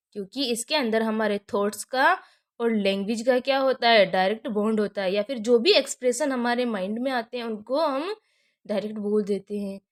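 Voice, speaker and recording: A young woman with a Hindi accent giving an exam-prep lecture, posing questions to her students and answering them herself while repeating key terms. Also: a little high. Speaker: teacher.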